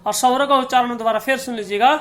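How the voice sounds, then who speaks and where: A music teacher talks through a lesson in a high-pitched voice. He explains each term slowly and repeats it, and now and then he sings out long, drawn-out sargam notes as examples. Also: steady tone, fairly bright tone. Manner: slow repetitive explanation, stretching out sung sargam notes. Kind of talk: spoken lesson with sung note examples.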